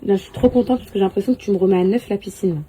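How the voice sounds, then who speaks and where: This young mother and lifestyle influencer talks to her followers at a racing pace in a casual phone story from her kitchen and garden, full of bubbly gushing. She has a warm, mid-range voice, and the handheld phone recording carries a little hiss or hum.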